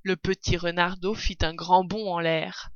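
A woman reading a children's story aloud with expressive narration. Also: lowish voice, a little slow, clean tone, no echo. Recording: dull, dry recording.

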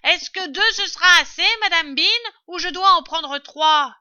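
A woman playing a large serving woman in a cellar, loud and grumbling. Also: a little high, fairly even intonation, normal speed, dry recording. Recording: dull lo-fi recording.

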